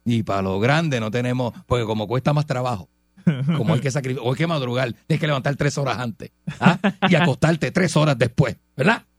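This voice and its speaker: A man's voice: mid-range voice, fairly quick, no room sound, clean studio sound. Chatty Puerto Rican radio host man. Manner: emphatic, rhetorical, chatty. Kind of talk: casual radio banter.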